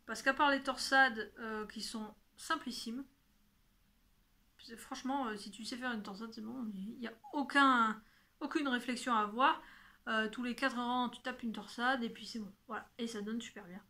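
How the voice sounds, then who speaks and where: Chatty woman showing off her knitting, bright crisp voice, keeps correcting herself mid sentence. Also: a little high, steady tone, normal speed. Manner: shows knitting and yarn as she talks. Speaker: knitting video podcaster. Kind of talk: casual chat to camera.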